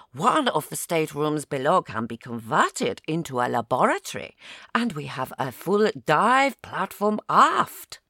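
A woman's voice: mid-range voice, pushed and bright, no room sound, clean studio sound, pitched above the performer's own voice, exaggerated voice. A woman voicing a boastful man with an extravagant English accent who shows off a luxury research boat in an audio drama. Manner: extravagant, salesy and self-satisfied. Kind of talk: audio drama narration with character voices.

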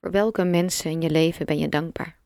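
A woman leads a guided meditation in a low, gravelly voice. She talks slowly and softly, leaving long pauses, and the recording is close and dry. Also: dry recording. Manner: slow, soft and calm, with long pauses.

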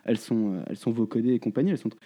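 A man chatting casually as a podcast co-host, his voice dark and mellow at a middle pitch. He hesitates a lot, restarting his sentences and stacking fillers as he goes. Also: rapid-fire. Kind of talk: casual chat.

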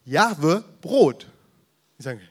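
A man preaching to a young crowd in an animated, storytelling way, his voice sitting a little high for a man. He slips into slangy asides and acts out the crowd's shouted questions. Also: slow pace, slightly rough. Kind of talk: casual youth sermon. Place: event room with audience, drinking beer.

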